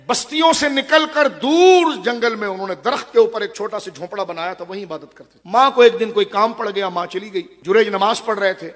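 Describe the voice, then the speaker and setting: A middle-aged male preacher with a high voice delivers a religious sermon in a large gathering hall. He tells the story with passion and turns often to his listeners, his bright, forceful voice dropping to a hush and rising again. A long reverb trails each phrase. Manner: impassioned storytelling, swinging between loud and hushed; addresses the audience directly.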